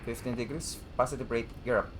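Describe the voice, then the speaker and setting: A man's voice: medium pitch, steady tone, quick pace, background noise. A man speaking as a pilot on a cockpit headset, giving clipped radio calls and takeoff callouts with small hesitations. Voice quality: clipped aviation phraseology with hesitations. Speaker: pilot in a flight simulator.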